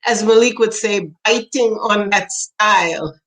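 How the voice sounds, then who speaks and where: An older woman from Trinidad, a poet being interviewed, telling family stories with lively quoted voices. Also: medium pitch, unhurried, poor audio. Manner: animated storyteller, acts out quoted voices, laughs often. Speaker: poet and author, interview guest. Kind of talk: storytelling in conversation.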